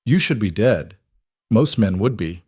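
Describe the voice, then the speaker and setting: A man voicing a calm man of about forty who tends a wounded stranger, speaking quietly with a foreign accent. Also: fairly low pitch, slightly rough, no room sound, clean studio sound. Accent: foreign accent in English. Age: 40s. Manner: quiet, measured, steady.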